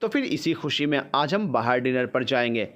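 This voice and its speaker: A man voicing a quick-tempered young husband who coaxes his wife. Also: mid-range voice, animated, a bit bright, dull audio, close to an everyday voice. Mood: coaxing. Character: young husband, hot-tempered then apologetic.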